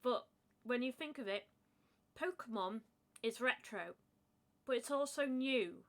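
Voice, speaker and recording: This is a woman in casual podcast chat, taking her time with a slow and unhurried delivery. She hesitates a lot, fills gaps with ums and breaks into light laughter. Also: a little high, animated, fairly bright tone. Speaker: podcast co-host.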